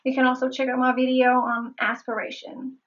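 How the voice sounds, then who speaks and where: A woman accent coach giving a pronunciation lesson. She speaks deliberately and repeats words again and again to show how they sound. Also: high voice, monotone, fairly bright tone, highs cut off.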